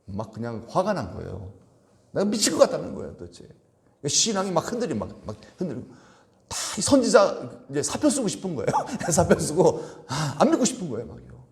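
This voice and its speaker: A man's voice: a little high, huge pitch swings, a little fast, gravelly, darkish tone. A male pastor preaching a sermon, asking the congregation questions and acting out quoted complaints in a raised voice. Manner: asks the congregation frequent questions.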